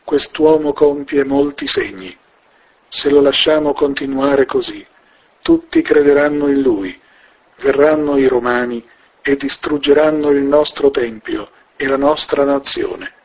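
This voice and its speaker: An anxious council of priests frets aloud, read by a man. The voice is slow and husky. The sound is muffled, like an old radio broadcast. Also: medium pitch. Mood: worried. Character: worried council of male priests.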